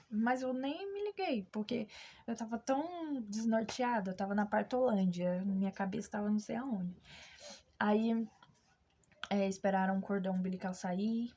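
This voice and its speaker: A woman's voice: medium pitch, a little mellow. A young woman with a Brazilian Portuguese accent, candidly telling a personal story to her vlog audience and acting out the people she quotes. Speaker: vlogger. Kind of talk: casual storytelling to camera. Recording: dull lo-fi recording.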